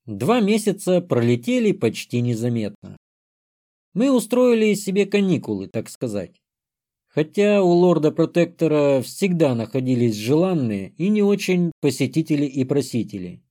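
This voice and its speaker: A man narrates a comic fantasy audiobook in the first person with a wry, storytelling tone. His voice sits a bit high for a man, but it sounds mellow and dark, and it swings lively up and down through each sentence. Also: moderate pace.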